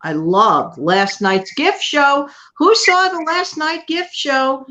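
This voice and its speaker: A woman from New York City hosting a casual livestream chat, talking warmly and at length to her viewers and co-host. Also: high voice, animated, slow. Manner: chatty, warm thanks to viewers and co-host. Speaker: channel host.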